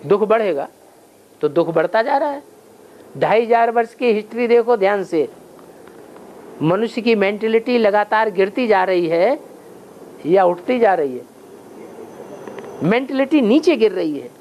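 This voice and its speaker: Male spiritual teacher, quizzes his listeners and answers himself, muffled low-fi recording. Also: lively intonation, unhurried, long pauses. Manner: asks rhetorical questions and answers them himself. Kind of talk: spiritual class, question and answer. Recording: dull lo-fi recording with faint noise.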